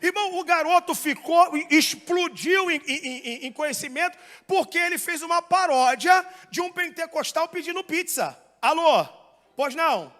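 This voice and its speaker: In a church hall, a man with a Brazilian Portuguese accent preaches a fiery Pentecostal sermon, swinging between loud shouts and quiet asides. His voice is very high, his pace moderate, and the hall adds long reverb.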